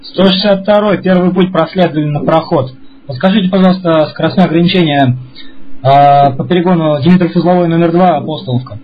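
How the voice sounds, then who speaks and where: Man on a two-way radio, train driver, clipped formal protocol, rather high voice, lo-fi muffled sound. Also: fast. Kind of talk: railway radio exchange.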